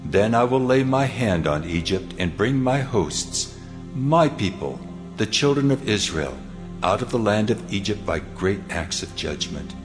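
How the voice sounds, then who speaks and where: An actor playing God as a solemn, authoritative and measured divine voice in a dramatized scripture reading. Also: male voice, lowish voice, very animated, music in the background. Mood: solemn, commanding.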